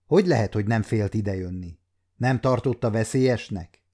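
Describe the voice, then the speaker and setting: A dignified medieval king who speaks sternly and with authority, voiced by a male audiobook reader. The voice is dark and mellow. He weighs each word. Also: lowish voice, natural voice. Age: 50s. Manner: commanding, measured.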